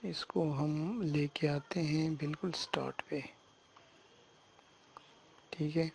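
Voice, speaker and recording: Man calmly walking through a software tutorial. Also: a little high, vocal fry, noisy background. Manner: step-by-step explaining, often checks in with the listener; hesitant fillers and restarts while working on screen. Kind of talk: screen-recorded software tutorial.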